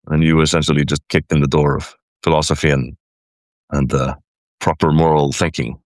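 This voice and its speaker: In a casual personal chat, a guest caller from Iceland recalls his past, tripping over words and starting his thoughts over. He speaks briskly with a flat delivery and a very deep voice, captured up close in a dry recording without echo.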